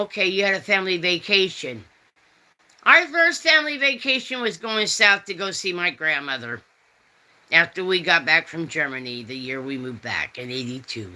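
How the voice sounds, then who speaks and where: Slow, rambling woman chatting with viewers. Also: medium pitch, pushed and bright, low-quality recording. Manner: rambling, folksy, reads out chat comments. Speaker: host. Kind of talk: casual chat.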